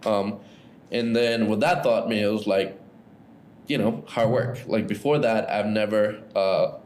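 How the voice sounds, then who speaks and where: A man in his thirties from Ecuador tells his story as a guest on a podcast, relaxed and loose, dropping plenty of "like" and "right?". His voice is lowish and a little slow.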